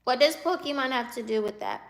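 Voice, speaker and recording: On a livestream, a woman in her twenties reads viewer comments aloud and answers them, teasing and laughing through the casual chat. Her voice is a little high, and she talks fairly quickly.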